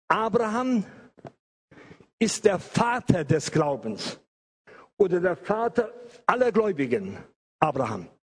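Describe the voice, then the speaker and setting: A man's voice: high voice, darkish tone, breathy edge. An older man preaching an evangelical sermon, emphatic, repeating phrases and stretching key words.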